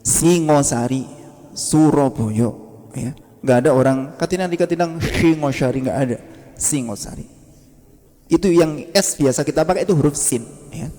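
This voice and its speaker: A man teaching a Quran recitation class in a mosque, patiently drilling sounds slowly and quizzing his students. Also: fairly high pitch, mellow. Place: mosque hall. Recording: long hall reverb.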